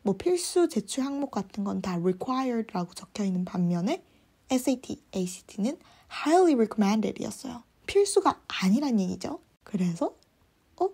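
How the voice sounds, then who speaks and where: A woman's voice: mid-range voice, very animated, measured pace, darkish tone, breathy edge. A young woman in her twenties telling a personal story in a chatty vlog, acting out the lines she quotes. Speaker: vlogger.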